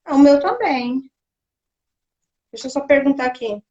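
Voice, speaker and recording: A woman's voice: high voice, normal speed. A woman hosting a casual live stream chat, telling stories animatedly and mimicking sounds. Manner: animated storytelling with sound effects. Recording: dull lo-fi live stream audio.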